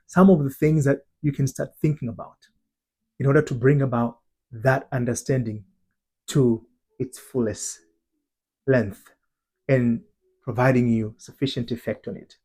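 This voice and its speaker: An identity transformation coach from Tanzania delivers an earnest teaching talk, leaning hard on single words and frequently restarting and repeating himself. His voice is medium-pitched, warm, and slightly rough.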